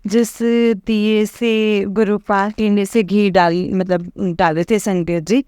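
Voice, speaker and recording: In a slow, unhurried way, a woman shares a rambling devotional testimony with a congregation, hesitating with fillers and often turning to address the listeners. Her mid-range, darkish voice is smooth and clean with little pitch movement, recorded close and dry with no room sound.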